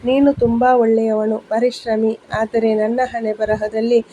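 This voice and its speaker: A woman reading a scripted first-person story in an even, measured manner. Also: a little high. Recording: dull lo-fi with faint hiss.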